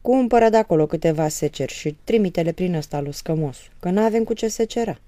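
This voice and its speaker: A woman reading the part of a gruff, irritable peasant father in an audiobook, with a mocking edge. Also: lowish voice, expressive, warm tone, dry recording, close to an everyday voice. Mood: gruff, sarcastic. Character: gruff sarcastic middle-aged peasant father.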